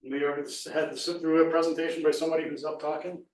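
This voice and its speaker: A man's voice: a little high, flat delivery, racing, distant mic. Chatty man in an echoey room. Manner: chatty, loose, many fillers and restarts. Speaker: presentation skills trainer. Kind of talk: casual live workshop talk.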